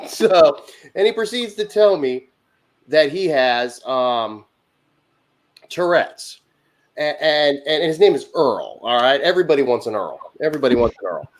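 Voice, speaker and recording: A man telling a long, funny work anecdote on a talk show, animated and laughing as he goes. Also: on the high side, a little slow. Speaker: HVAC technician guest. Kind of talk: casual storytelling on a talk show.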